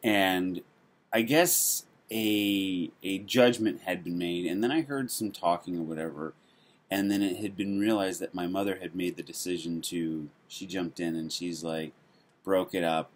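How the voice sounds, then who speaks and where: Deep-voiced man musing on scripture. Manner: meandering, musing, thinking aloud. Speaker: devotional podcaster and father. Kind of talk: casual devotional reflection on a scripture reading.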